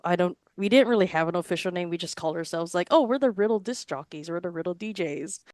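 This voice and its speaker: A woman in her twenties from Hawaii chats casually as a podcast guest, rambling freely with plenty of fillers. Her voice is on the low side, clear and resonant, captured in clean studio sound with no echo.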